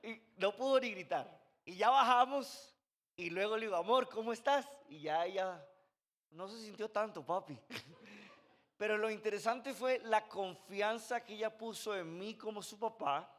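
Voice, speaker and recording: A man's voice: high-pitched, a little slow, a bit bright. A man, preaching a sermon in a church on a handheld mic and telling stories conversationally, with sound effects. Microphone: handheld microphone.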